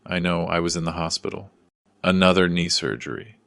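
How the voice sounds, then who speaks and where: A man's voice: deep voice, fairly even intonation, fairly quick, creaky, a bit bright, dry recording. A man voicing an elderly male doctor in his eighties, a loyal old friend speaking earnestly.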